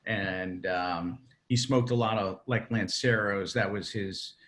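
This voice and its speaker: A man's voice: fairly low pitch, steady tone, slow, a bit bright. A man guesting on an interview, telling long rambling stories with plenty of fillers in a casual chat. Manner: rambling storyteller, many fillers. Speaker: cigar maker, interview guest.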